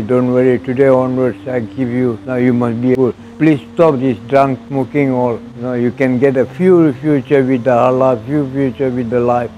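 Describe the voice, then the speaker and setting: An interviewee in his sixties with a Malaysian English accent gives an earnest personal testimony in broken, repetitive English. He wears a lapel mic in an outdoor mosque walkway, and his medium-pitched voice sounds mellow. The recording is muffled with a slight hiss or hum.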